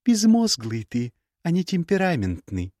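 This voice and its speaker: Rich: An icy young sorceress, as a male reader puts her on, scornful and mocking, her voice pitched high and swinging widely as she cuts her former lover down. The recording is dry and close, with no room sound. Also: huge pitch swings, a little slow, a little mellow, dry recording, exaggerated voice. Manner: cutting, mocking, icy sarcasm. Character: sharp-tongued sarcastic young woman mage. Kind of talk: audiobook character voice.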